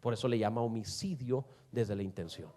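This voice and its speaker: A man preaching a sermon to a congregation, asking them rhetorical questions and swinging between loud and soft. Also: medium pitch, fairly quick, noisy background. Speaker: pastor.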